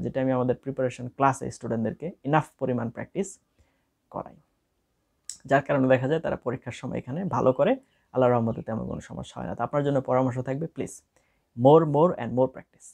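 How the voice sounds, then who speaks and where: Fast-talking man with a gravelly voice. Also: mid-range voice, darkish tone. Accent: Bangladeshi. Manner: explaining with many English phrases mixed in. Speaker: English test tutor. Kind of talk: spoken lesson to camera.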